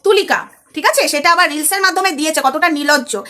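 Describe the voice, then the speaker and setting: A woman's voice: high voice, fast, pushed and bright. A woman talking straight to her viewers in a heated commentary vlog, scolding and angry. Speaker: social media commentator.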